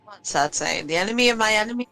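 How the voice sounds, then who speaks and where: A woman's voice: medium pitch, lively intonation, quick pace, vocal fry, sharp tone, pitched above the performer's own voice. A woman voicing a sly, smug captive woman who teases with dry, mocking remarks during a tabletop role-play. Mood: sardonic.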